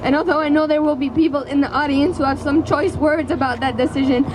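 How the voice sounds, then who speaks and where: A woman with a notably high-pitched voice delivers a prepared speech at an outdoor rally. Her oratory is earnest, deliberate and impassioned, the delivery of an activist addressing a public square. Faint city and vehicle noise sits behind her words. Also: steady tone. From Canada.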